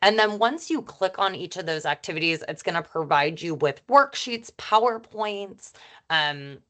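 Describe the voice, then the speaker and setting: A woman presenting a webinar as a former teacher, talking quickly and informally with lots of fillers. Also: lowish voice, expressive, sharp tone. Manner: rapid, chatty, self-described auctioneer pace; friendly and informal, with frequent fillers.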